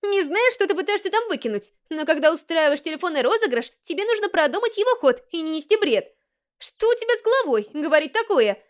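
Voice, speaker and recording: A woman voicing a bossy, sharp-tongued teenage schoolgirl who scolds and brushes off the listener, heard over a phone line. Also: extremely high pitch, big pitch swings, fast talker, pitched above the performer's own voice. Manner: scolding, dismissive.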